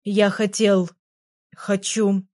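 A woman reading aloud, voicing a shy, tongue-tied teenage boy who speaks slowly and hesitantly. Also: medium pitch, level tone. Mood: bashful. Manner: hesitant, slow, quiet.

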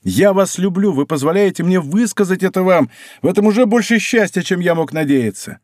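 A man's voice: on the high side, expressive, brisk, darkish tone, dry recording, studio quality. A male audiobook reader voicing an ardent, impulsive young nobleman, raising his voice eagerly. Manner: eager, exclamatory, raised voice. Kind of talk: audiobook character reading.

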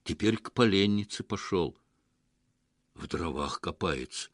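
A man voicing a cautious rural man who speaks in a hushed, wary way. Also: low-pitched, lively intonation, a little slow, no echo, voice pushed down.

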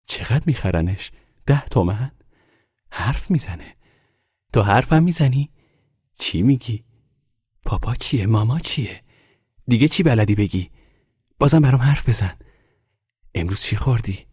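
A man's voice: mid-range voice, lively intonation, long pauses, a little mellow, slightly rough, dry recording, clean studio sound, pitched above the performer's own voice. A man voicing a poor young boy who hawks a doll in the snow, eager and pleading. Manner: pleading, eager street hawking. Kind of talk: audiobook character voice.

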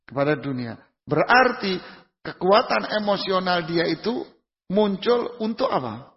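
High, gravelly male preacher in a hall. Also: big pitch swings, unhurried. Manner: asks the audience questions and answers them himself; uses everyday examples in casual speech. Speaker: Islamic preacher. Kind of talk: conversational religious lecture. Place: lecture hall. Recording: dull lo-fi recording in a reverberant hall.

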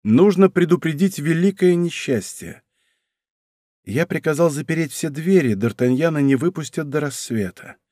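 A man voicing a cunning bishop who speaks in a soft, low, urgent whisper. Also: animated, normal speed, dry recording, clean studio sound. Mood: urgent hushed. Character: hushed cunning male bishop, commanding.

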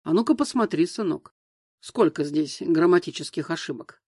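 A man's voice: fairly high pitch, expressive, darkish tone, no echo, studio quality. A man voicing a domineering middle-aged mother-in-law in an audiobook, speaking harshly and emphatically. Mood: scolding. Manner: harsh, reproachful, slow and emphatic.

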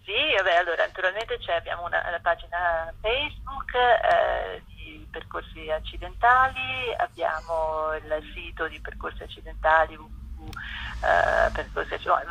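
This interview guest, a festival curator, has a lowish, husky, gravelly voice that is fairly bright and moves at a normal speed. She explains the event programme loosely and tentatively, searching for her words. The audio is dull and lo-fi, resembling a telephone line.

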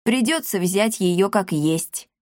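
A woman's voice: mid-range voice, animated, slow pace, a little mellow, no echo. A woman voicing a practical young boy who explains plainly, close to her own voice.

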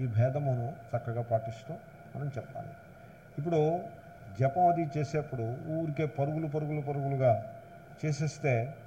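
A man's voice: on the high side, warm tone. A man giving a discourse on scripture as a spiritual teacher, explaining points patiently and stressing syllables to show how to recite them. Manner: explanatory, mixes English phrases, stresses syllables while demonstrating recitation. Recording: dull lo-fi lecture recording with faint hiss.

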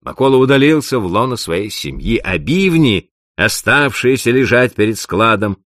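A man narrating an audiobook with an expressive, dramatic reading. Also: sits low, no room sound, clean studio sound.

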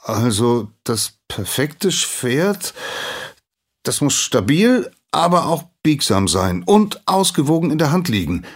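A man's voice: mid-range voice, sing-song, measured pace, husky, pitched above the performer's own voice, exaggerated voice. A man voicing an eager, clumsy young apprentice smith who answers in a raised, stammering voice in a radio story. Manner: overeager, stammering.

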